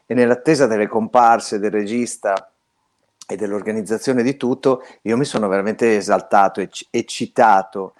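Radio guest on a remote line, a man from northern Italy, lively and prone to restarts. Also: lowish voice. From Belluno, northern Italy. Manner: lively, restarts words often. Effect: remote caller's voice over an internet line. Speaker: guest calling in to a radio show. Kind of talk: casual chat, telling a story.

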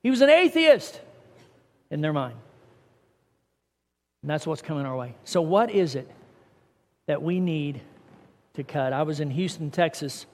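A middle-aged man preaches a sermon to his congregation, earnest and conversational, building to emphatic points. His voice sits high for a man. The sound carries a long, hall-like reverb. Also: unhurried, pauses often, a little mellow. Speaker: pastor.

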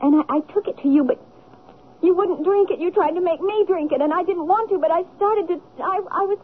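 A woman's voice: very high voice, a little fast. An actress playing a distraught teenage girl in an old radio drama, pleading and insistent, on a tinny lo-fi broadcast recording. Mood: confessing. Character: distraught teenage girl Helen, guilt-ridden.

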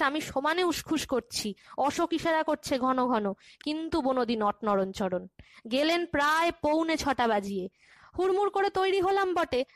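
Woman storyteller, pretty high voice, dry close sound, reads it like a story and does the talking parts softer and slower. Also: no room sound. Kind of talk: first-person story reading.

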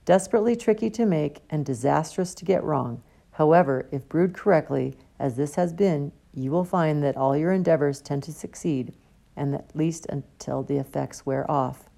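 A woman's voice: deep voice, normal speed, vocal fry, mellow. A woman voicing a genial, pompous older male potions teacher who talks theatrically.

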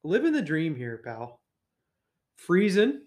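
A man's voice: fairly high pitch, wildly swooping pitch, slow pace, a little mellow. A man hosting a casual sports podcast from a cold home garage, with dry, joking remarks. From Canada. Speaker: podcast host.

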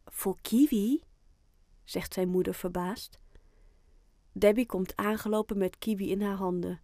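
A woman narrating a children's audiobook in a calm, clear storytelling manner. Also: mid-range voice, moderate pace, no echo, clean studio sound.

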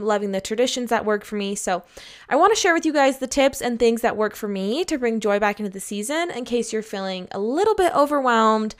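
A woman's voice: a little high, smooth. A woman talking casually and candidly in an upbeat advice vlog, emphatic and chatty, laying out her points in an organized way. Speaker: advice vlogger.

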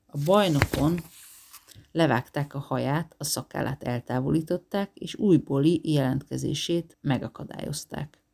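Creaky-voiced male audiobook narrator. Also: on the high side, a little mellow. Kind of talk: scripted narration.

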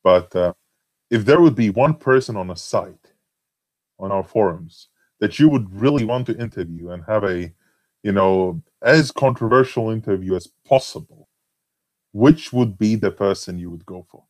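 This forum member from Latvia talks in a casual interview with a Latvian accent, using a lowish, darkish voice with lively intonation at a moderate pace. His speech is hesitant and full of fillers and restarts.

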